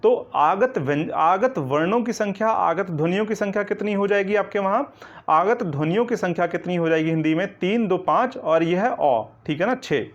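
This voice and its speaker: A man with a fairly high voice teaches Hindi grammar in an online coaching lecture. He goes step by step, keeps checking in with the listener, and answers his own questions. The recording sounds dull and lo-fi. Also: lively intonation, normal speed. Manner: explains step by step, repeating "ठीक है ना" and asking questions back.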